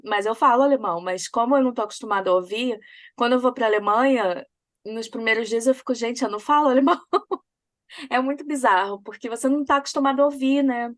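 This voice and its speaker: A woman's voice: on the high side, fast talker, no room sound, clean studio sound. A woman with a Brazilian Portuguese accent, co-hosting a podcast in casual chat, telling stories with frequent laughs. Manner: chatty, laughs often while telling stories. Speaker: podcast co-host.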